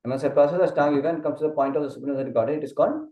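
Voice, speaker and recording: A man's voice: a little high, takes it slowly, warm tone. A man teaching a casual Gita study class, mixing Hindi and English, explaining step by step and often checking that the listener follows. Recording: dull muffled sound in an echoey room.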